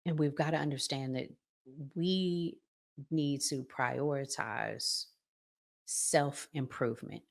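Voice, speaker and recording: A relationship vlog host with a low voice and vocal fry speaks slowly and deliberately, giving advice straight to her audience. Her conversational but emphatic monologue repeats key phrases and poses rhetorical questions.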